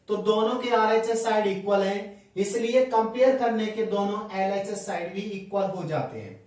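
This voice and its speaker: A man teaching a maths class at the board, dictating each step slowly and spelling out angle letters, mixing in English terms. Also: sits high. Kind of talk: blackboard lesson, dictating steps slowly. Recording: echoey room, voice from a distant mic.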